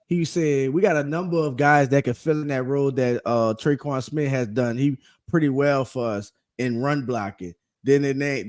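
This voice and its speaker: A man co-hosting a casual sports podcast, talking in an animated, emphatic way and repeating his points. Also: medium pitch. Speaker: podcast co-host.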